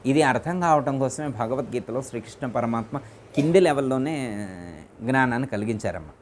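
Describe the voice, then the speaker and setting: A man's voice: mid-range voice, fairly quick, a little hiss or hum. A man as spiritual teacher giving a discourse in a private home, repeating his phrases and putting questions to his listeners.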